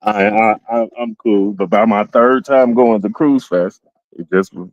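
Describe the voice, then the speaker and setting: Deep-voiced man from Ohio, animated storyteller, dry close sound. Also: measured pace, no echo, lo-fi sound. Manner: animated storytelling, acting out other people's lines. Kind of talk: casual chat.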